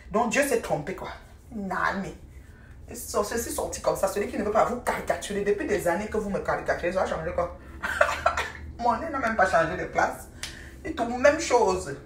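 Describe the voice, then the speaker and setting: An older woman chats on a live stream from her home, warm with pet names and quick to laugh. Her voice sits a little back from the mic. A roomy echo hangs around each phrase. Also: a little high, far from the mic. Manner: chatty and affectionate, repeats pet names, laughs often. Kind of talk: casual live-stream chat with viewers. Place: at home, indoors.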